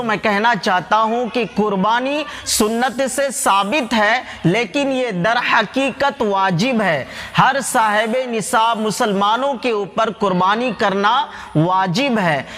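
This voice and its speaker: A man with a very high, bright voice gives a religious commentary. He argues his case through one rhetorical question after another and keeps turning to his viewers as friends. His voice rings with a long hall reverb. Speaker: channel host.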